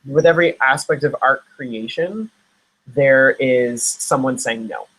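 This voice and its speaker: A man's voice: medium pitch, unhurried, fairly bright tone, slight background noise, low-quality recording. A young man from Nova Scotia, an actor guest in a casual interview, talking in a rambling way with many fillers and restarts. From Nova Scotia, Canada.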